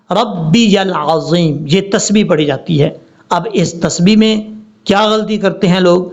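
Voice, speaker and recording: Man, religious teacher, step-by-step recitation lesson, slow drawn-out demonstrations, high voice, muffled recording.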